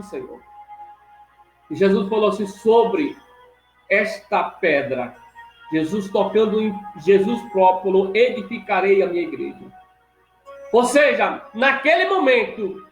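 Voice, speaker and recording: Brazilian male pastor, very high voice, passionate sermon, echoey church with music underneath. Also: fairly bright tone. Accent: Brazilian Portuguese. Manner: impassioned preaching, retelling scenes with quoted dialogue.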